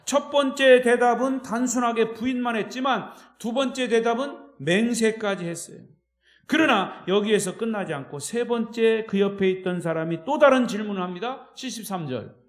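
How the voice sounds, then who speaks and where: A man with a Chungcheong Korean accent, a pastor preaching emphatically and calling on the congregation, shifting between loud and quiet. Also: sits high, normal speed. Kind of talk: sermon. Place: church at evening worship.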